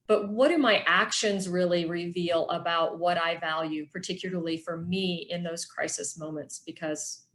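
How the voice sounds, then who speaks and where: A middle-aged woman with a fairly low-pitched voice presents a workshop, weaving in personal reflection as she explains things in an earnest, measured manner.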